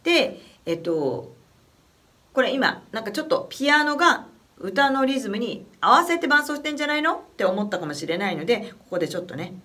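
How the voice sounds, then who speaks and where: A woman from Japan giving a casual spoken singing lesson, chatty, demonstrating phrases slowly. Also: on the high side, very animated, sharp tone. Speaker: vocal coach.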